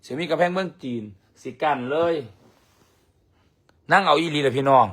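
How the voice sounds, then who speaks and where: A man's voice: on the high side, moderate pace, a bit bright. A man with an Isan Thai accent on a casual live stream, protesting and teasing his co-host and calling out to his viewers. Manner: teasing, protesting, addresses viewers as brothers and sisters.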